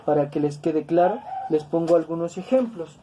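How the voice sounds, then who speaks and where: A woman teaching a grammar lesson, speaking slowly and deliberately, repeating words to stress each syllable. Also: low voice, warm tone, slight background noise. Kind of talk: classroom-style grammar lesson.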